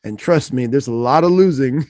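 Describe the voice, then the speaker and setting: A man's voice: mid-range voice, moderate pace, darkish tone, no echo, clean studio sound. A man hosting a casual podcast interview, who jokes and laughs often as he talks. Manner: laughs often, friendly and joking. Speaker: podcast host. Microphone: podcast microphone.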